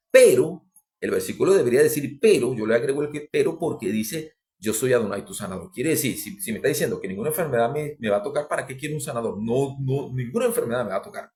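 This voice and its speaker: A middle-aged man preaching a sermon, impassioned and climbing sharply in pitch for emphasis.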